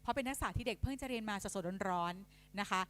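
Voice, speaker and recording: A woman trainer speaking politely to teachers, sounding out letters and syllables slowly to demonstrate. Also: mid-range voice. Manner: polite, frequent soft tag particles. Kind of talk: instructional talk to teachers.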